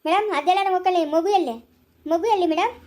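A woman playing a distressed young wife who pleads loudly for her husband and child, in an amateur family drama. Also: extremely high pitch, quick pace. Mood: pleading. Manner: pleading, agitated, loud.

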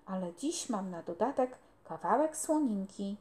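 A woman's voice: medium pitch, expressive, unhurried, dark tone, close to an everyday voice. A woman reading aloud, voicing a cheerful country boy who gardens, with an eager, rustic manner. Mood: easygoing.

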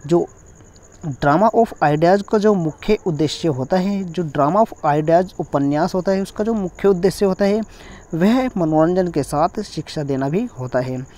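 Indian male teacher, high mellow voice, slow careful repetition, crickets behind. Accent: Indian English. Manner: explains step by step, repeats key points, reads English definitions slowly. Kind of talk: exam-focused lecture.

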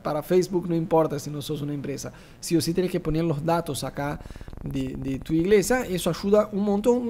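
A pastor with a Rioplatense Spanish accent teaches church advertising in a live online class from his screen, his voice riding fairly high. Animated and teasing, he explains each step with rhetorical asides aimed at his listeners.

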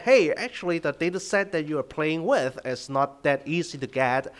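A middle-aged man with a thick Hong Kong accent, giving a conference presentation in an informal, halting way. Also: medium pitch, a bit bright, clean tone. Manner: informal, halting, frequent hesitations. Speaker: conference speaker, data director. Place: conference stage indoors, at a lectern.

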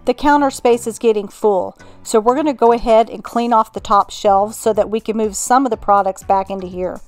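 A middle-aged woman, host of a home organizing channel, calmly narrating a scripted voice-over with friendly instructions. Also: a little high, a little fast, faint music behind. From Texas.

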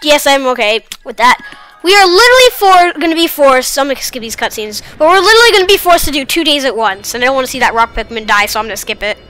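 Bright high-voiced woman gaming. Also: expressive, quick pace, rough recording. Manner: chatty, rambling, self-deprecating. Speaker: gaming channel host. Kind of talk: casual let's-play commentary.

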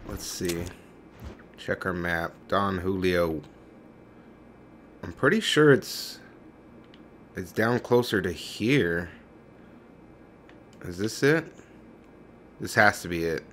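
A man's voice: low voice, animated, slow, pauses often, a bit bright, a little hiss or hum. A young man hosting a let's-play video, chatting casually with rambling, profane commentary. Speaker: gaming channel host.

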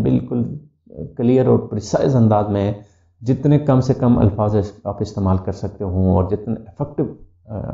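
Gravelly, dark-voiced Urdu-speaking male educator. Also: on the low side. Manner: explanatory, mixes English terms, frequent "uh" fillers. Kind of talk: lecture-style talk. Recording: echoey room, dull lo-fi sound.

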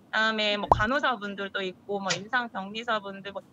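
A woman's voice: mid-range voice, fairly even intonation, a little fast, muffled recording, very noisy. A young woman, a doctor, explaining her work as an interview guest over a video call, through a face mask. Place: busy hospital room indoors, on a video call. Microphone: video call, phone close to face, through a mask.

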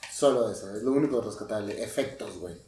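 Un hombre con acento mexicano que opina de forma directa y malhablada en una charla informal de podcast. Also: male voice, lowish voice, quick pace, dark tone, reverberant, far from the mic, slight background noise. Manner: blunt, opinionated, swears freely. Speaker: podcast co-host. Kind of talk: casual chat.

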